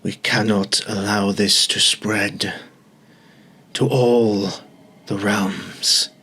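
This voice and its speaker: A man voicing a solemn, commanding disembodied guardian with a slow, booming voice in a tabletop game. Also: level tone, pushed and bright, husky, heavily acted. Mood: grave warning. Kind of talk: tabletop game role-play.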